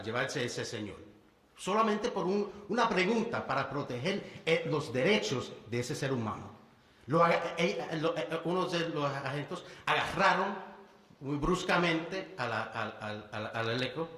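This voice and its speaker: A man in his thirties with a Puerto Rican accent, a state legislator giving a halting press conference speech, full of restarts and English words. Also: on the high side, fairly bright tone. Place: bill signing event indoors. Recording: echoey hall with long reverb.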